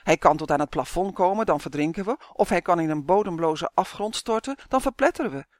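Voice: mid-range voice, lively intonation, a little fast, dry recording, clean studio sound, close to an everyday voice. A Dutch audiobook narrator voicing a brave, practical young boy who talks in an earnest, determined way. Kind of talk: audiobook character voice.

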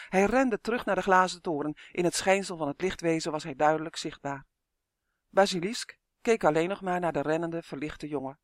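A man narrating a children's storybook in a measured, expressive reading. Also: high voice, no room sound, clean studio sound. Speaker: audiobook narrator.

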